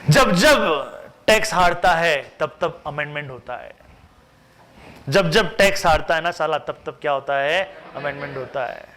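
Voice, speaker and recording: A man teaching a tax class, lively and chatty, mixing Hindi with English terms and answering his own rhetorical questions. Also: a little high, moderate pace, slight background noise. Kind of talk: classroom lecture.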